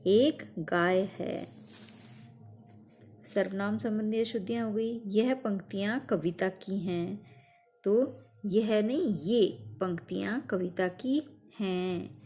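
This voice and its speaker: A woman teacher, patiently explaining grammar to children with slow, emphatic examples. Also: medium pitch, warm tone.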